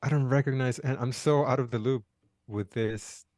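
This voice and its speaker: A man's voice: mid-range voice, fairly even intonation, moderate pace, darkish tone, no room sound, clean studio sound. A man co-hosting a podcast in casual, wry, laid-back chat. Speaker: podcast co-host.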